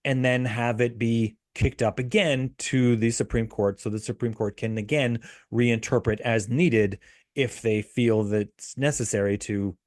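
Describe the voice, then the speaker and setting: A man's voice: medium pitch, steady tone, unhurried, no echo, studio quality. A man co-hosting a political podcast, explaining things patiently with frequent fillers and restarts. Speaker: podcast co-host. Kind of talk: casual political chat.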